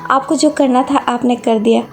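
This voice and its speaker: A woman voicing a calm, sensible young adult son in a storybook reading, with an even, reasonable tone. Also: high-pitched, moderate pace, faint music behind.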